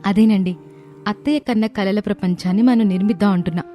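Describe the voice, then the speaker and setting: Woman voicing an earnest young daughter-in-law, mellow voice, kind, faint music. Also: medium pitch, a little fast, close to an everyday voice. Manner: earnest, warm-hearted speaking. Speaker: voice actor.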